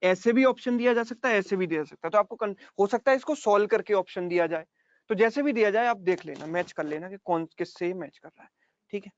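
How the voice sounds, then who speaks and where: A high-voiced male math teacher explains step by step in an online class, repeating key points and checking in with his students. The sound is dry and a little muffled, with no room echo. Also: fast talker.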